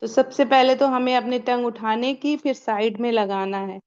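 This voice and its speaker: A woman's voice: a little high, fairly even intonation, moderate pace, darkish tone, highs cut off. A woman teaching a Quran pronunciation lesson step by step, asking and answering her own questions and stretching out sample sounds.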